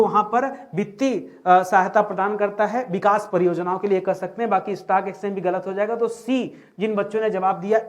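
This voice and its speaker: Male exam tutor, fairly high voice, quizzes and re-asks his listeners. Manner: repeats questions back, calls listeners "friends". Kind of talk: exam answer-key walkthrough.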